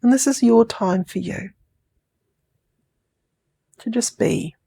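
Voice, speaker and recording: A woman with a New Zealand accent guides a sleep hypnosis session, her voice fairly high in pitch, warm and gravelly with a breathy edge. She speaks in slow, soothing, drawn-out phrases that sometimes drop to a whisper.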